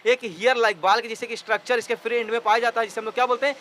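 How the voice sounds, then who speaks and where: A man's voice: very high-pitched, fairly even intonation, racing, fairly bright tone, a little hiss or hum. A young man teaching biology from a diagram, often checking if students have understood. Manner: keeps asking if students understand. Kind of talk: classroom lecture over a drawn diagram.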